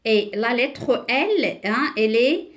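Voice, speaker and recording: A woman teaching a beginner French class, speaking slowly and patiently, spelling out letters and syllables and checking understanding with questions. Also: on the high side, expressive. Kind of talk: beginner French lesson at a board.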